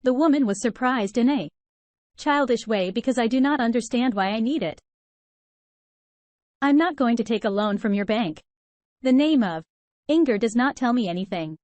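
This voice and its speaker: Steady woman narrating a story. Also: a little high, normal speed, pauses often, no echo. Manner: even, steady reading with no fillers. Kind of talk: first-person scripted story narration.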